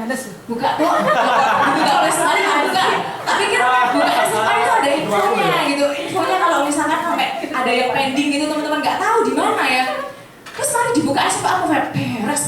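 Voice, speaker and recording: A woman tells a personal story in casual talk, acting out the dialogue with lively voices and laughing often. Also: high voice. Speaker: insurance agent leader sharing her story. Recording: roomy, distant mic with faint background noise.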